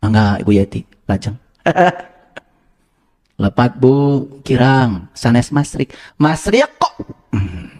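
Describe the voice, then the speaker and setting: This male religious teacher, lecturing interactively, quizzes and teases listeners in a playful way and switches into local expressions. He speaks slowly in a mid-range, slightly mellow voice.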